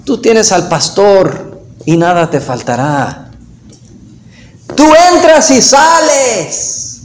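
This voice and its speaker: High-voiced preacher, slow and echoey. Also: male voice, very animated, slight background noise. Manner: preaching with emphatic, rising exhortations; reads scripture aloud, then addresses listeners directly. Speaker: pastor. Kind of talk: sermon.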